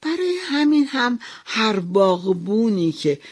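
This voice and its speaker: A woman narrating a folk tale in a slow, deliberate storytelling voice. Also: medium pitch, lively intonation, a little mellow, slightly rough.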